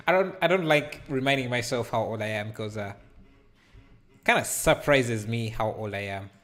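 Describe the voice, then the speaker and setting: A man's voice: mid-range voice, animated, unhurried, pauses often, fairly bright tone. A man in his thirties streaming a live 3D art session, thinking aloud with many fillers and answering chat as he works. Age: 30s. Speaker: livestreaming 3D artist. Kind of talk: casual live tutorial, reading chat aloud. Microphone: headset microphone.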